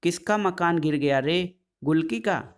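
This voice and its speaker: A man's voice: fairly high pitch, measured pace, smooth, voice pushed up, close to an everyday voice. A man voicing a quarrelsome older woman neighbour who scolds and taunts in a dialect-heavy way. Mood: alarmed.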